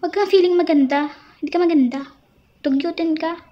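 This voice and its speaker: A woman's voice: extremely high pitch, moderate pace. A woman voicing a rude, bossy female pizza shop owner in a mascot suit, scolding and insulting. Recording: dull lo-fi recording.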